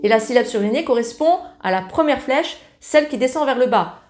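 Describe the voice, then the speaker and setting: A woman's voice: a little high, expressive, fairly quick, faint music behind. A woman giving a casual ukulele lesson, talking in a chatty, familiar way while strumming along. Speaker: ukulele teacher. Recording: loud ukulele playing along.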